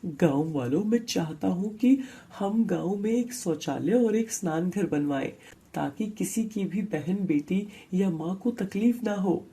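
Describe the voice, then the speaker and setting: A woman voicing an earnest young man back from his studies in the city, pressing his father about village life in an animated story. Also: medium pitch, measured pace. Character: educated young village son, earnest reformer.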